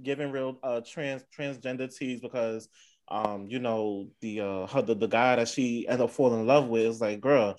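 A man hosting a casual chat, campy and animated, quick to laugh, with lots of slang. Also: mid-range voice. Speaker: podcast host.

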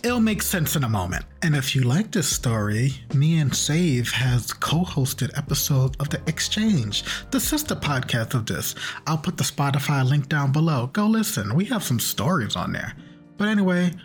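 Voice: medium pitch, sing-song, normal speed, soft background music. A podcast host chatting casually and teasing a guest in a playful way.

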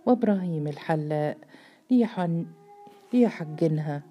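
A woman narrating a novel aloud in a measured, steady storytelling voice. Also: low-pitched.

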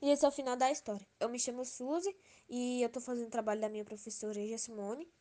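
A woman student reading a fable aloud for a school assignment, in an expressive way. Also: fairly high pitch, fast. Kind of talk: storytelling read-aloud.

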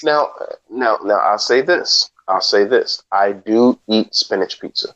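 A man co-hosting a podcast in casual chat, joking with dry, deadpan asides. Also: lowish voice, measured pace, highs cut off. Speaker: podcast co-host.

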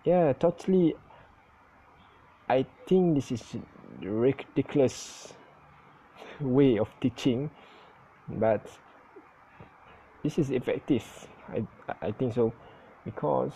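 A man who is not a native English speaker, recording his first casual podcast on a phone app and talking in a hesitant, halting way with many self-corrections. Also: medium pitch, expressive, warm tone, a little hiss or hum, poor audio. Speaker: English learner.

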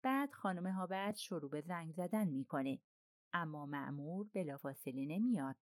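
A woman voicing a calm male detective who lays out how a crime happened in a measured, explaining way. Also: low-pitched, no room sound, studio quality. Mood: reasoning.

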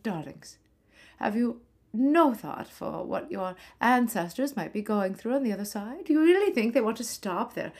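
A woman's voice: on the high side, expressive, moderate pace, darkish tone. A woman voicing the vain, glamorous ghost of an old-Hollywood film star, theatrical and grand, who keeps calling her listeners darlings. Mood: campy. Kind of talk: scripted comedy podcast monologue.

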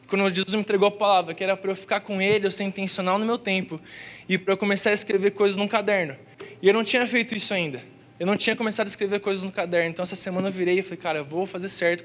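Young Brazilian male youth preacher, high voice, slangy and earnest, sermon in a church. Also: a bit bright. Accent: Brazilian Portuguese. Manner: slangy and earnest, peppered with "cara" and "velho". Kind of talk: casual testimony sermon.

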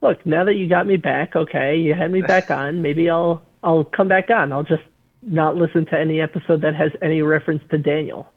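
A man's voice: a little high, fairly even intonation, fairly quick, narrow, tinny audio. A man chatting and teasing the others on a casual sports betting podcast, often talking over them.

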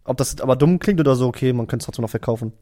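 A young man co-hosting a podcast, chatting casually and excitably, full of jokes and slang. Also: medium pitch, rapid-fire. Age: young adult. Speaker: podcast co-host. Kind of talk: casual chat.

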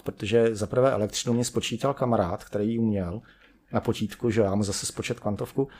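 A man's voice: lowish voice, darkish tone, breathy edge. A middle-aged chemist telling self-deprecating anecdotes about his studies in a rambling, conversational way, full of fillers. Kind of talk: conversational storytelling.

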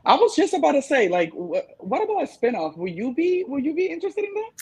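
A woman's voice: high voice, big pitch swings, fast talker, a little mellow. A woman interviewing in a casual, chatty way, encouraging and effusive with her guest.

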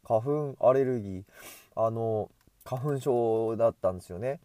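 A man's voice: medium pitch, measured pace, mellow, dry recording. A man chatting casually to himself while walking outdoors, self-amused, with a runny nose from hay fever, speaking into an earbud headset mic. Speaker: solo podcaster. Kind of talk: casual rambling monologue.

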